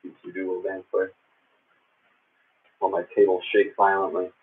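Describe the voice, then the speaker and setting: Muffled, phone-like audio, as if a small speaker were serving as the mic, carries a man's fairly low, husky voice. He rambles casually, thinking aloud as he streams himself drawing. The muddy capture blurs his words. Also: completely flat delivery, normal speed. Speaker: live streamer drawing comic art. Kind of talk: casual livestream chat while drawing. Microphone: Bluetooth speaker used as a microphone.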